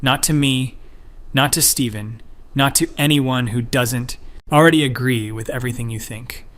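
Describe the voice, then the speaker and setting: A man's voice: mid-range voice, moderate pace, a bit bright, natural voice. A man voicing a hurt, angry middle-aged husband who speaks in a raised, reproachful voice.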